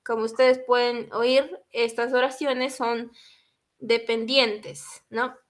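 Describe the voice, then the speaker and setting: Young woman from peru doing a class presentation, kinda high voice, explains stuff and keeps tagging questions on. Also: little pitch movement, takes it slowly. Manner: explanatory, adds tag questions. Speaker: university student presenter.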